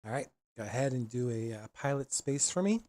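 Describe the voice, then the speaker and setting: Male game master, mid-range voice in a dry space, laid-back, halting improvised scene description. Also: medium pitch, animated, a little mellow, no room sound. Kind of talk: casual improvised tabletop game narration.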